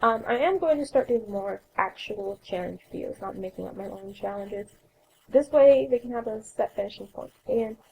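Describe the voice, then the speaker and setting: A raspy young woman with a cold talks casually over her game footage, rambling and often correcting herself. Her voice sits a bit high but sounds dark and gravelly, and a faint hiss runs underneath. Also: rough recording. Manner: chatty, rambling, self-correcting. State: coughing, sore throat. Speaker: let's play host. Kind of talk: casual gameplay narration.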